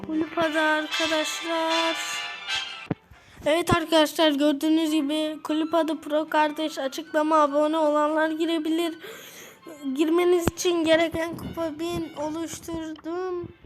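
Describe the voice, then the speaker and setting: Excited young gamer with a high voice. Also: female voice, rough recording. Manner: excited, taunting during play. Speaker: gaming channel host. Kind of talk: casual gameplay commentary. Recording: game music playing behind the voice.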